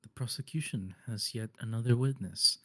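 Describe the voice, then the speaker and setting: A man's voice: mid-range voice, moderate pace, pushed and bright, a little hiss or hum, close to an everyday voice. A man voicing a solemn, formal, self-assured prosecutor in an amateur video game dub.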